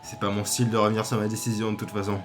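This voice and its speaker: An excitable man from France doing casual Let's Play commentary, crude and joking. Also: on the low side, rapid-fire, soft background music. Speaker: gaming video co-host.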